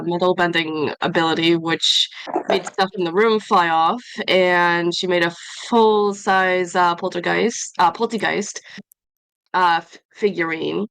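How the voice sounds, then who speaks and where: A woman's voice: fairly low pitch, noisy background. A woman recapping her character's adventures from a tabletop game session at home, rambling with many fillers and self-corrections.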